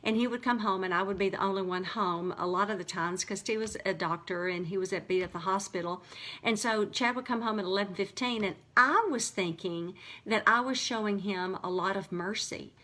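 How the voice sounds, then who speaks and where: A middle-aged woman hosting her own show, telling a family story in an animated, conversational way with frequent restarts. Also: mid-range voice, a little fast. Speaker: host. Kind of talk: casual talk to camera.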